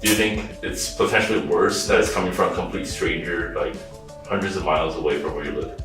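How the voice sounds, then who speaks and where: A man interviewing someone, asking relaxed, slightly hesitant questions. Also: deep voice, a little fast. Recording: echoey room from far off, music behind.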